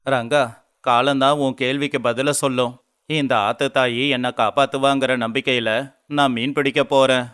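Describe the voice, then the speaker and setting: A man's voice: mid-range voice, little pitch movement, moderate pace, fairly bright tone, clear, resonant tone, close to an everyday voice. A man voicing a poor, humble young fisherman in a storybook tale, talking in an earnest, pleading tone. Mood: determined. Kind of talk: storybook voice acting.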